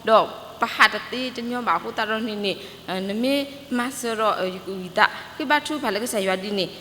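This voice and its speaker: A woman's voice: mid-range voice, brisk, bright, forceful tone. A woman giving a church talk, speaking steadily and plainly. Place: church hall. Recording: reverberant church hall, faint noise.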